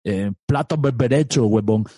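A man's voice: medium pitch, normal speed, dark tone, husky, no echo, clean studio sound. A man co-hosting an improvised comedy podcast, asking questions in a mock-formal, playful way. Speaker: podcast co-host interviewing the character.

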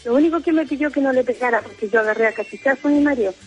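A woman's voice: sits high, racing, breathy edge, faint music behind, low-quality recording. A middle-aged Chilean woman calling in to a radio show, telling a story in an emotional, rambling way. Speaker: caller. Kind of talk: phone-in confession.

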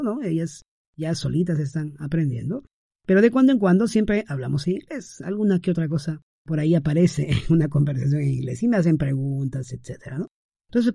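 A man's voice: a little high, vocal fry, mellow, dry recording, clean studio sound. A middle-aged man hosting a podcast, talking in a casual, conversational monologue with frequent fillers and tag questions. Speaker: podcast host.

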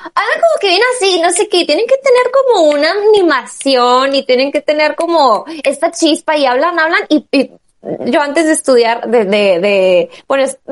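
High-voiced playful young woman host. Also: expressive, normal speed. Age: 20s. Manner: playful, giggly, hesitant restarts. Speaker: host interviewer. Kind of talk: casual interview chat.

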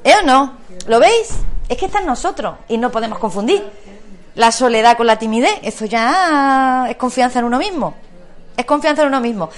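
High-voiced coaxing woman. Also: animated, normal speed. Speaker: guest speaker at a community talk. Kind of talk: encouraging talk to a live audience. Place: community centre room.

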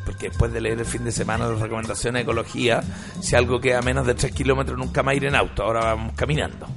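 A man with a Chilean accent telling a story in animated, slangy casual chat. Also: mid-range voice, racing, vocal fry. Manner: animated, slangy, full of restarts. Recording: music playing behind.

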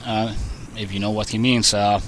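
A man from the Basque Country with a Basque accent, conducting a casual interview in a halting, informal way, searching for words. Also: fairly low pitch, flat delivery, fairly bright tone, a little hiss or hum, rough recording. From Basque Country, Spain.

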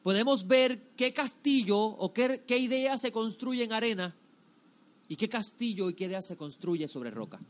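Male religious teacher, high voice, sermon-style lesson, didactic, emphatic, repetitive phrasing, rhetorical questions. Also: expressive, normal speed.

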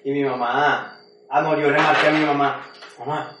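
Man, Mexican accent, animated storyteller, slight hiss, distant mic. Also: fairly high pitch, moderate pace. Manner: animated anecdote-telling, laughing often. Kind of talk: casual storytelling chat. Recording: very echoey room, away from mic, faint noise.

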